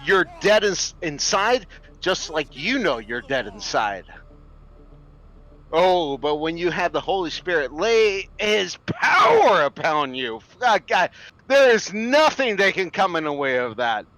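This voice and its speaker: A sing-song, high-sitting voice, pushed and bright, comes from a man in his thirties ranting unhurriedly at his stream viewers. The livestreamer is preachy, profane and emphatic, and the recording is rough.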